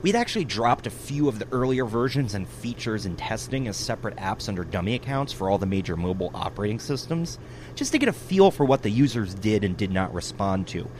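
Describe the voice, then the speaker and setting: A man's voice: lowish voice, very animated, fairly quick, darkish tone, slight background noise. A man playing a boastful tech entrepreneur, self-satisfied and emphatic. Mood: smug. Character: boastful male tech entrepreneur, smugly claiming credit.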